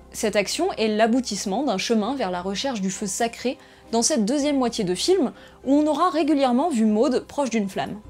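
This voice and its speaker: A woman narrating a scripted film analysis essay in a measured, analytical way. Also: fairly high pitch, darkish tone.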